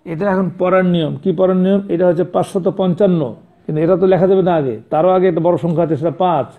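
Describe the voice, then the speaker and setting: A man with a high voice teaches a math lesson to young pupils. He explains patiently and repeats himself, correcting pronunciation and spelling. The sound is thin and tinny, like a phone line. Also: fairly even intonation, racing. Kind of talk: classroom lesson.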